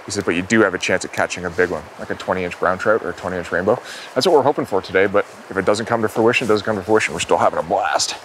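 A man's voice: low voice, very fast. Upbeat man hosting a fishing show. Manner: upbeat, excitable when a fish bites. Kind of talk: outdoor fishing show commentary. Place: outdoors, wading in a small river.

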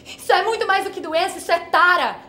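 Woman playing a bitter betrayed woman, very high pitch, sharp tone, echoey room. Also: fast. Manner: bitter, cutting accusations. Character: betrayed young woman, disgusted and enraged. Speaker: actress in a drama exercise. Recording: echoey room with light noise.

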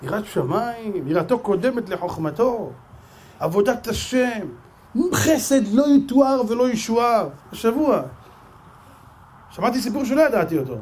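This rabbi, a man with an Israeli Hebrew accent and a very high, somewhat breathy voice, preaches through lively storytelling. He plays out each character's lines as he tells his tales.

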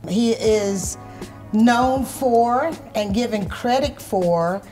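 A woman's voice: a little high, extremely slow, darkish tone, faint music behind. A middle-aged woman walking a guest through a whiskey tasting in a restaurant bar, speaking on a lapel mic. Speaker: whiskey brand representative. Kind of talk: guided tasting talk. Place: upscale restaurant bar indoors.

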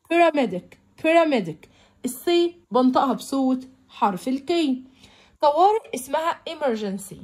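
High-voiced Egyptian woman teaching English words. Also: a little mellow. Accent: Egyptian Arabic. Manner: repeats words slowly, coaxing and patient. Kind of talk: explaining vocabulary to young pupils.

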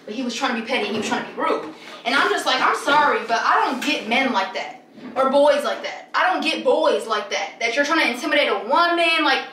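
A woman's voice: sits high, lively intonation, brisk, pushed and bright, a little hiss or hum. A young woman chatting animatedly through a home vlog in her apartment, often laughing, filmed by a camera at a distance. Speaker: lifestyle vlogger. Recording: roomy echo, away from the mic.

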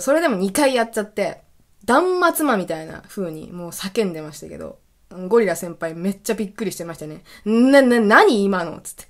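A woman hosting a casual solo radio talk, telling stories in an animated way and laughing often. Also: medium pitch. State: recovering from illness. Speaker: podcast host.

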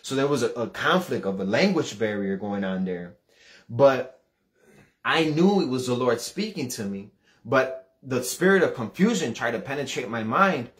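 A man's voice: medium pitch, big pitch swings, normal speed, a bit bright. Earnest man in his thirties giving fervent testimony. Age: 30s. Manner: earnest and fervent, repeating words and voice rising when retelling. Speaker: preacher sharing testimony. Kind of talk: impassioned personal testimony.

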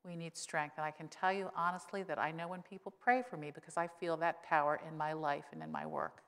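Her delivery is expressive and fairly quick, with a fairly bright tone: a woman in her sixties, a pastor, preaching a chatty, wryly funny sermon at a church pulpit mic. By her own account, illness has left her voice lower. A sanctuary's long reverb fills the sound.

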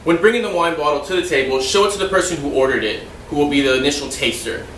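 A young man giving a steady, explanatory lesson on serving wine, demonstrating in a home dining room while a camera records him from a distance. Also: a little high, quick pace, slight background noise. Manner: steady explanatory delivery, some loose asides. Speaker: restaurant server trainer. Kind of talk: instructional demonstration. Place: dining room in a house, indoors. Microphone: far camera, no visible mic. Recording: roomy echo, mic far off.

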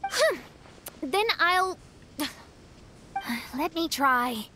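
A woman's voice: very high-pitched, big pitch swings, drawn-out words, sharp tone, a little hiss or hum, exaggerated voice. An actress playing a theatrical, grandiose young woman in a game cutscene. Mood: haughty. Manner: grandiose, dramatic phrasing. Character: theatrical young female self-styled princess, grandiose.

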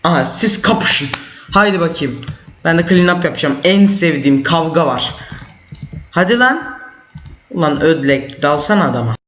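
A teenage boy commentating his own gameplay, excitable, yelling and trash-talking at opponents. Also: on the high side, moderate pace. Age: teens. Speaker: gaming YouTuber. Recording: roomy, dull lo-fi mic.

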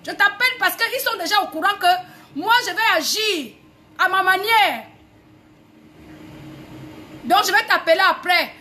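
A woman's voice: very high voice, expressive, unhurried, pauses often, pushed and bright, slight background noise. A woman singer from Cameroon delivering a heated, repetitive, confrontational rant to the camera. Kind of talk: angry video rant.

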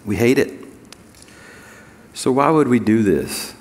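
A man preaching a sermon as pastor, conversational with joking asides, and reading scripture slowly and deliberately. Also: medium pitch, lively intonation, long reverb tail.

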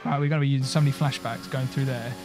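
A man's voice: mid-range voice, steady tone, rapid-fire, music in the background. A young man commentating live over a racing game, chatty and bantering with the game voices. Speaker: gaming streamer.

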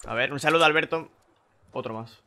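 Excitable young gaming streamer. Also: male voice, fairly high pitch, fast talker. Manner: excitable, swings from muttering to shouting. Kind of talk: live gameplay commentary. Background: faint gunfire from the game.

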